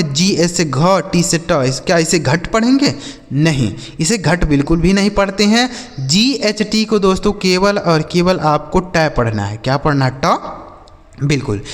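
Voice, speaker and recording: A man with a Hindi accent teaching English spelling, spelling out letters slowly and asking questions that he answers himself. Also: high-pitched, long reverb tail. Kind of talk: spelling lesson.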